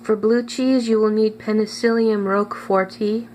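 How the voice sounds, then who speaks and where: A woman hosts a casual home-kitchen vlog, her voice sitting in an ordinary middle pitch. She talks in a chatty, halting way full of small fillers. A faint hum runs under the recording. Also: fairly even intonation, a little mellow. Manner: chatty, hesitant with many fillers, tastes food while talking. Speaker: cooking vlogger.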